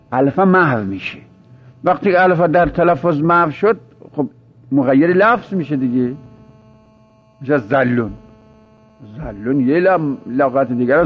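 A man teaching an informal seminary lecture, explaining points in a conversational way with repeated examples and chuckling anecdotes, on a dull lo-fi recording. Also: on the high side. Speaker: religious teacher.

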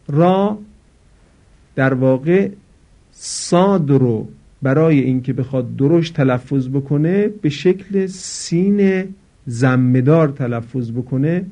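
A man teaches the correct recitation of prayers in a measured, explanatory voice, drawing out key words slowly for emphasis. His tone is dark and mellow, and the recording sounds slightly dull and lo-fi. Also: mid-range voice, gravelly. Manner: explanatory, stresses example words with slow careful emphasis. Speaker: religious teacher. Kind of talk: instructional talk on prayer recitation.

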